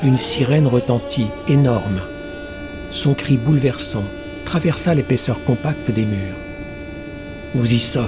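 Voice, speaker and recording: A man narrating an audiobook in a measured, literary way. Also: mid-range voice, music in the background. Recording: roomy long reverb, faint noise.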